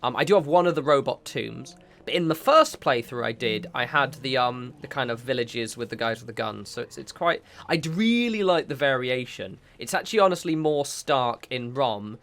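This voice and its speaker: With hardly any pauses, this gaming channel host talks through his game at a moderate pace, his medium-pitched voice expressive and a bit bright. Sniffly from a recent cold, he wanders, self-corrects, and chats in asides.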